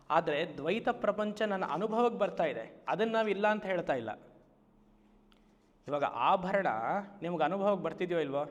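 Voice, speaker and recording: A man, a spiritual teacher giving a Vedanta discourse, who stretches key phrases slowly and keeps asking his listeners rhetorical questions. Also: sits high, in a large hall, muffled recording. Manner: slow, drawn-out emphatic phrases and frequent rhetorical questions.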